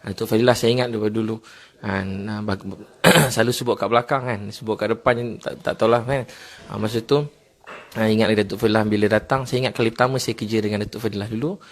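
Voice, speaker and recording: A man giving a religious talk, telling personal stories quickly and filling pauses with a short "ha". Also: fairly low pitch, steady tone. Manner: quick storytelling with many filler "ha"s. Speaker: Islamic preacher.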